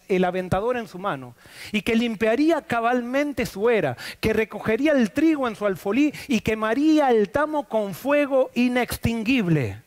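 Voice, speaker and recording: Lively high-voiced preacher man. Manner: asks the congregation questions and answers them. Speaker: pastor. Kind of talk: sermon. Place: church.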